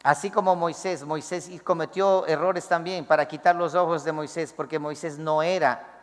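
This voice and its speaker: A man's voice: fairly high pitch, fairly even intonation, normal speed, in a large hall. A man preaching a sermon as pastor, acting out pleading prayers in a raised voice.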